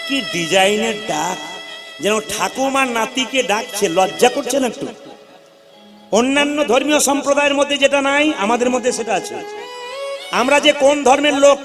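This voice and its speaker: High-voiced man preaching over music. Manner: animated, speaks straight to the audience and demands replies. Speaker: devotional preacher. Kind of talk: devotional sermon with sung chants. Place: outdoor gathering by water. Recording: clear music playing under the voice.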